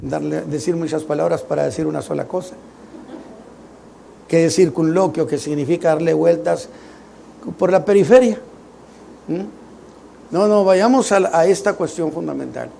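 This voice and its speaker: A man's voice: fairly high pitch, normal speed, gravelly, long pauses, mellow, slight background noise. A middle-aged man, preaching a Sunday sermon in a conversational, joking way full of rhetorical questions. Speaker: pastor.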